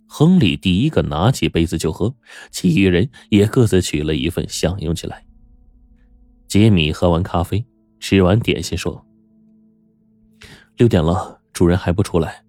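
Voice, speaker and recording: A male storyteller narrating a mystery tale in a lively, expressive way. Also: low voice, no echo. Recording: dry studio voice over faint music.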